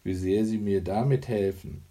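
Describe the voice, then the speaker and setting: A man's voice: fairly low pitch, steady tone, normal speed, mellow, lightly acted. A man voicing an anxious neighbour woman of about fifty who pleads for help in an audiobook. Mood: pleading. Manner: pleading, grateful.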